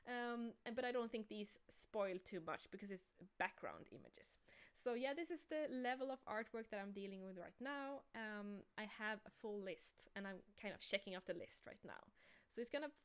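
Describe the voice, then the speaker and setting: Her voice sits in the mid range, animated and smooth, moving at a normal speed. She's a game maker and artist running a casual livestream, talking eagerly and informally about what she creates.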